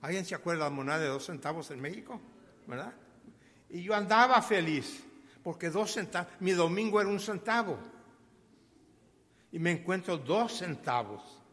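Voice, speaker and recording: A man's voice: high voice, normal speed, long pauses, fairly bright tone. A man, preaching a sermon with emphasis, asking his congregation questions and telling stories. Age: 80s. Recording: long hall reverb.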